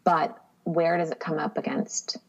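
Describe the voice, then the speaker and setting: Low-voiced woman talking candidly. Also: unhurried, gravelly, breathy edge, muffled recording. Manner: reflective, candid, animated with quoted asides. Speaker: podcast guest. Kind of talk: casual conversation.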